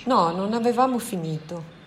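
Sullen proud male gorilla, read by a woman, clipped replies in a mid-pitched storytelling voice, faint birdsong behind. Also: animated, moderate pace, slight background noise, lightly acted. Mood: curt.

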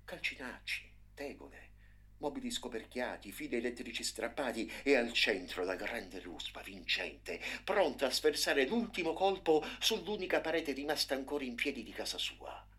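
A man reading a story aloud in an expressive, dramatic way, sometimes dropping to a hush. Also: mid-range voice, moderate pace, slightly rough. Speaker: narrator. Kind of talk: storybook narration.

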